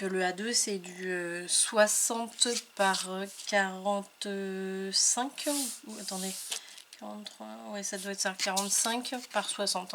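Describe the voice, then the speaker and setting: A woman's voice: medium pitch, background noise. A woman presenting her handmade craft in a casual, hesitant show-and-tell, with many filler sounds. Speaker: papercraft video maker.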